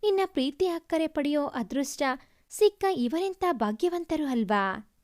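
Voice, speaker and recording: Woman doing a young woman friend, joking and affectionate, high bright lively voice. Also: measured pace, no echo, clean studio sound. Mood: fond joking.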